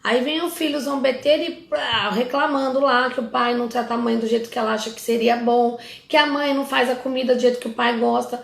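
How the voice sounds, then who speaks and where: A woman's voice: a little high, steady tone, fairly quick, creaky, few pauses, echoey room. A middle-aged woman with a Brazilian Portuguese accent, a family constellation therapist talking casually and directly to her followers, scolding them with informal asides.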